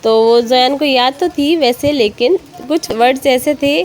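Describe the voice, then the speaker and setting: A woman in her thirties with a high voice and a Pakistani Urdu accent narrates her family vlog at a normal speed. She's a mother with a friendly storytelling style, politely addressing her viewers in this voice-over. Soft acoustic guitar music plays in the background.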